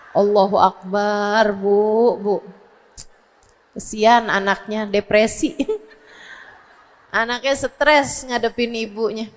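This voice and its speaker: A woman in her forties preaching to mothers, lively and conversational, acting out quotes of parents and children. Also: a little high. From Indonesia. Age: 40s. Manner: animated, acts out mothers and children in quoted voices. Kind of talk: religious lecture to women. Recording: long reverb of a hall.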